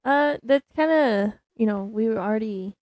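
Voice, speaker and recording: A woman's voice: on the high side, a little slow, darkish tone, no echo. A young woman co-hosting a casual podcast, speaking hesitantly and searching for words. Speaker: podcast co-host.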